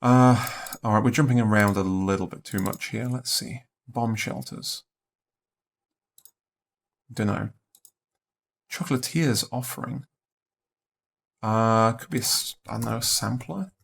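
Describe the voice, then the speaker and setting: A young man thinking aloud in a let's play, musing and unhurried, trailing off into half-spoken guesses. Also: fairly low pitch, gravelly. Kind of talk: thinking-aloud puzzle commentary.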